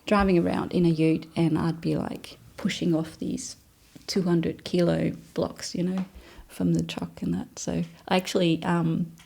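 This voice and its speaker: A woman from Denmark, a non-native English speaker, telling her story in a relaxed, soft-spoken interview with frequent fillers. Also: fairly low pitch, a little slow, creaky. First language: Danish.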